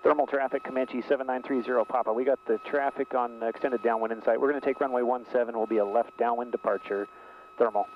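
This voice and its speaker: A man flying a small plane who calmly talks through his checklists and radio calls over a cockpit headset. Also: medium pitch, fast. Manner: calm, methodical checklist talk. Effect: pilot talking over a cockpit headset intercom. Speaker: private pilot. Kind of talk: narrating a flight and radioing air traffic control. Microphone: headset mic. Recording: muffled headset audio with faint engine hum.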